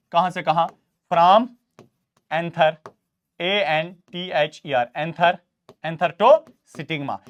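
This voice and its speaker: A man's voice: extremely high pitch, a bit bright. A man with a Kashmiri accent teaching a school biology lesson, repeating each point and asking and answering his own questions. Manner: repetitive drilling, asks and answers own questions, calls students "beta". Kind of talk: classroom lecture.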